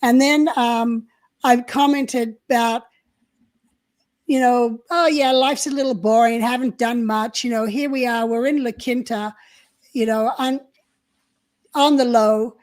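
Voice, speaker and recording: A woman's voice: on the high side, steady tone, a little slow, pauses often, a little mellow. An older woman co-hosting a live-stream chat, telling stories from her past in a chatty way with plenty of fillers. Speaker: co-host.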